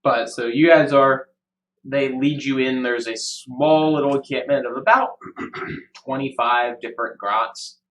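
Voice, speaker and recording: A man narrating as dungeon master in a relaxed, conversational way. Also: mid-range voice, measured pace, slight background noise, rough recording. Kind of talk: narrating a tabletop game.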